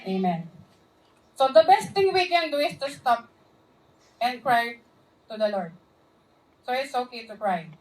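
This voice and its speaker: A woman's voice: on the high side, expressive, slow, pauses often, distant mic, low-quality recording. Woman, sermon, earnest, call-and-response, mic set back. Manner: earnest, mixing English phrases, asks the crowd for responses. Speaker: preacher.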